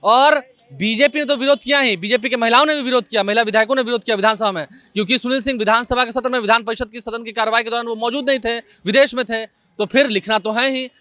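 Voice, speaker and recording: Emphatic reporter on location. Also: male voice, extremely high pitch, fast, bright, forceful tone, dry recording. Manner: emphatic, rhetorical questions. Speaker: news reporter. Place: outdoors in front of an office building.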